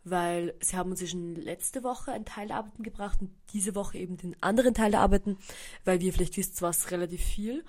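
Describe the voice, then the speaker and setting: Hosting a casual solo podcast from home, a young woman with an Austrian German accent talks quickly and chattily, rambling and sprinkling in English words. A cold has blocked her nose, so she sounds congested; her voice is mid-range with a darkish tone.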